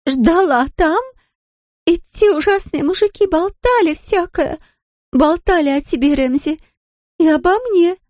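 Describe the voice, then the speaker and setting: A woman's voice: measured pace, a little mellow, dry recording, studio quality. A woman reading an audiobook, voicing a drunk, jealous glamorous woman who slurs and shrieks. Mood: drunken shrill. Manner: slurred, shrill, screaming.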